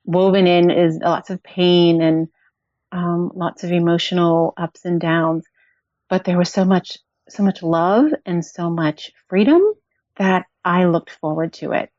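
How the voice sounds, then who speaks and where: A woman in her forties, a podcast guest, talking in a thoughtful, soft-spoken and personal way. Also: on the low side, steady tone, a little slow, no echo. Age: 40s. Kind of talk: reflective conversational storytelling. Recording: dull dry lo-fi audio.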